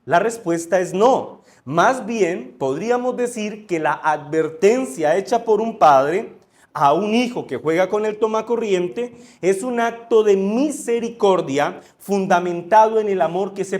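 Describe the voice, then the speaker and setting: High-voiced man preaching slowly. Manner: earnest, measured preaching, corrects himself when misreading. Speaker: pastor. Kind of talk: sermon.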